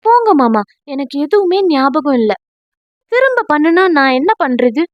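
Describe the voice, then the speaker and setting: A woman's voice: high voice, very animated, a little slow, dry recording, lo-fi sound. Woman doing a flustered, innocent young wife.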